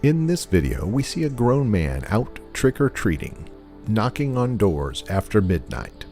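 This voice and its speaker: Deep-voiced man narrating with a lively swing. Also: measured pace. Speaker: narrator and host of a video compilation channel. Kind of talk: scripted narration with wry commentary. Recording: voice-over with music behind.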